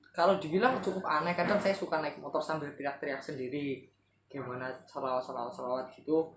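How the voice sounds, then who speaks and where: Man in a roomy echo. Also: on the high side. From Kebumen, Central Java, Indonesia. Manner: rambling, searching for words, clears throat often. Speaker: singer giving vocal tips. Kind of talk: casual spoken tutorial. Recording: roomy echo, faint background noise.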